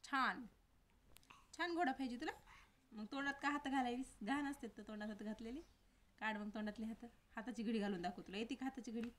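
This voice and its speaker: A woman's voice: fairly high pitch, brisk. Woman coaxing a toddler with questions. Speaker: family member filming a toddler. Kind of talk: casual chat with a small child.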